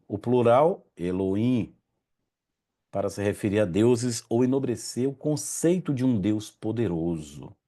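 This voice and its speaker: A man's voice: medium pitch, warm tone. A man leading an informal religious study group, often stopping to correct himself and admitting he struggles to pronounce Hebrew names. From Brazil.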